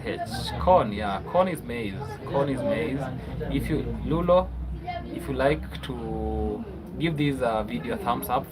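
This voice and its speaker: A man's voice: mid-range voice, rough recording. A man with a Kenyan accent hosting a casual livestream, chatty, often ending phrases with a questioning "yeah?". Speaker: livestream host.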